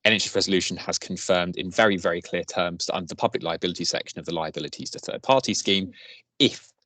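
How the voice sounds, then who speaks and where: A man's voice: low voice, fast talker, sharp tone, no echo. A man giving an informal, explanatory work presentation on a video call, setting out practical steps in clipped phrases. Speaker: presenter, health service staff. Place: online meeting on a video call.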